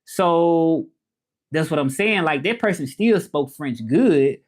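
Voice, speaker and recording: Animated and slow, with a fairly high pitch, a man with a Memphis Southern accent hosts an informal livestream. He reads viewer comments and discusses learning languages, rambling loosely and repeating himself.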